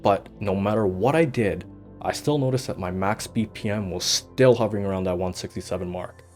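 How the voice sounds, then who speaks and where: A man with a fairly low voice narrates a fitness vlog in a steady, matter-of-fact way, running through his numbers. Faint music plays under his voice-over. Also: fairly quick. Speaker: vlogger.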